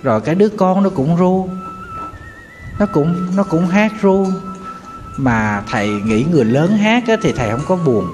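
A Buddhist monk with a Southern Vietnamese accent, giving a sorrowful storytelling sermon and now and then chanting folk verses. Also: male voice, a little high, animated, normal speed, darkish tone. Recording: long hall reverb with faint music.

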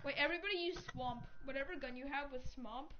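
Brief: high-pitched woman streamer, restless and jokey, recorded on dull lo-fi audio with steady hiss. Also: fast. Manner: rambling, joking, restless. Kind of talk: casual gaming chat.

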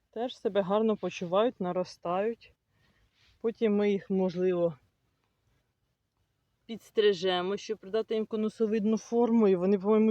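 Excited lady walking round her garden chatting about her plants, dry close sound. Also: mid-range voice, dry recording. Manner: enthusiastic, chatty, fond diminutives. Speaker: gardening vlogger. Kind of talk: casual walk-through of her garden. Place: outdoor garden.

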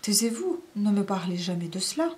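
A woman's voice: medium pitch, sing-song, a little fast, mellow, lightly acted. A woman reading aloud as a lonely, tearful wife of good society who pleads and laments in an imploring way. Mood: plaintive. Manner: plaintive, imploring.

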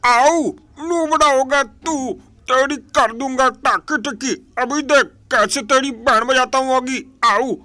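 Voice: high-pitched, takes it slowly, few pauses, bright, forceful tone, no echo, full character voice. A performer voicing a rowdy, bragging cartoon dog who yelps before his lines. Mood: boastful.

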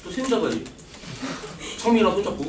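A man's voice: high voice, sing-song, quick pace. A man teaching a math class in a loose, joking way, using coarse slang and constantly asking whether students agree. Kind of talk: casual classroom lecture with teasing. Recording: echoey classroom recorded from far off with noise.

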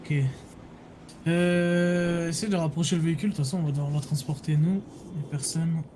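A man's voice: fairly high pitch, little pitch movement, a little fast, dark tone, slight background noise, lightly acted. A man voicing a polite, reassuring sheriff's officer in an online role-play game.

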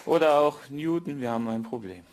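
A man's voice: a little high, lively intonation, a little fast, over a noisy crowd. A man giving a mock-serious satirical monologue full of puns. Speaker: comedian.

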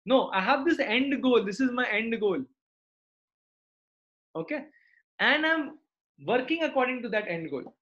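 A man's voice: very high-pitched, expressive, measured pace, long pauses, fairly bright tone. South Indian man teaching, dull lo-fi sound. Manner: explanatory, checks understanding with tag questions. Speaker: online maths teacher. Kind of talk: live interactive online lesson.

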